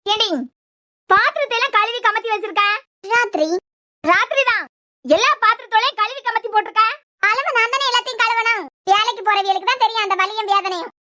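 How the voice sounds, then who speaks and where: A performer voicing a quarrelsome cartoon housewife with a Kanyakumari Tamil accent, scolding in sharp retorts. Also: brisk, heavily acted. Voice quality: very high, squeaky cartoon voice. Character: quarrelsome housewife of a joint family. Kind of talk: cartoon web series dialogue.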